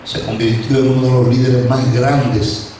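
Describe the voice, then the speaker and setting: Man preaching a sermon, acts out the quotes, slow, lots of echo, mic far away. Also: mid-range voice, flat delivery, dark tone, slight background noise. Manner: dramatic storytelling, acted quotes. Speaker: pastor. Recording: echoey hall from far off.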